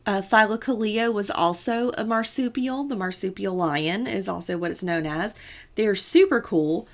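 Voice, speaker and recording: A woman's voice: mid-range voice, normal speed. A woman co-hosting a casual podcast, telling a story with playful asides and a chatty manner. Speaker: podcast co-host.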